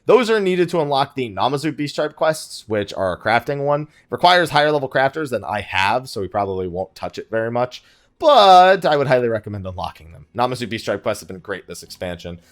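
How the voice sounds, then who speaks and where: With a medium-pitched, sing-song voice and a slightly fast delivery, a man streams a video game, offering casual let's play commentary mostly to himself. Game music can be heard behind him.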